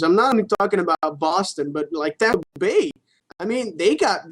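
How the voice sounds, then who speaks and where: Talking sports on a podcast he co-hosts, this man speaks informally, swears, and hedges while making his arguments. His voice is a little high, and the recording is rough.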